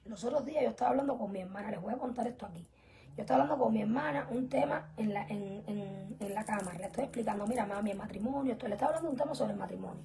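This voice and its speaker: A young woman teaching an online religious class, earnest and emphatic, often dropping to soft whispered asides. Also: a little high, rapid-fire, creaky. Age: young adult. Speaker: spiritual teacher.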